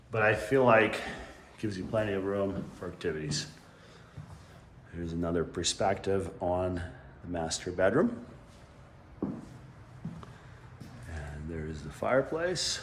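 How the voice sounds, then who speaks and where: A man with a very low voice and a slight lisp from a dental retainer gives a relaxed, rambling tour of a large home. He films on a handheld gimbal camera as he moves from room to room, often correcting himself mid-sentence. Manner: easygoing, rambling, self-correcting. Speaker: real estate home tour guide. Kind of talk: casual walkthrough narration. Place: inside a large house.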